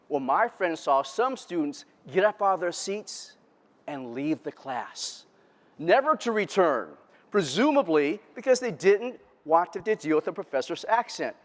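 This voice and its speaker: A man giving a humorous keynote talk to a live audience, lively and quizzing the crowd. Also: a little high. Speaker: keynote speaker. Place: large lecture hall before an audience. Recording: long reverb of a large hall.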